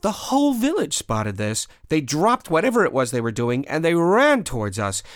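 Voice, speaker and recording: A man hosting a radio show, telling a first-person story in a measured, expressive way and raising his voice at the tense moments. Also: a little high, dry recording, studio quality.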